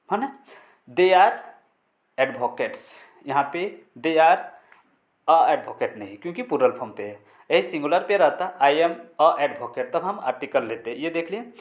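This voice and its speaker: Male tutor, fairly high pitch, patient step-by-step drilling in a classroom-style lesson. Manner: repeats words slowly for drill, explains step by step. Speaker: spoken English teacher.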